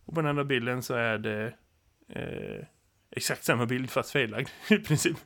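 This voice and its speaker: A man co-hosting a podcast in loose, chatty conversation, his voice gravelly with a touch of fry. He laughs easily and fills his pauses as he talks through ideas. His pitch sits in the middle. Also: fairly bright tone. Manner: chatty, laughs often, many fillers. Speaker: podcast co-host, teacher. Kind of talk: casual podcast chat.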